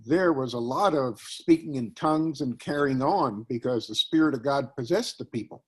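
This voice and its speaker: A man taking part in an informal class discussion, adding his own points in a measured way. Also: mid-range voice, slightly rough. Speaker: class participant.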